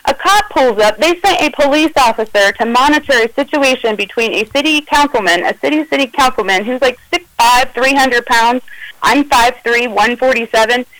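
A woman's voice: on the high side, moderate pace, fairly bright tone, no echo, poor audio. A woman telling an emotional, agitated first-person account of a confrontation, acting out the quoted dialogue. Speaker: caller recounting an incident.

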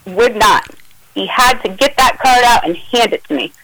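A woman's voice: fairly high pitch, normal speed, no room sound, rough recording. Agitated woman recounting a confrontation. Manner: agitated, animated retelling with quoted dialogue. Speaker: caller recounting an incident. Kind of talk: emotional first-person account.

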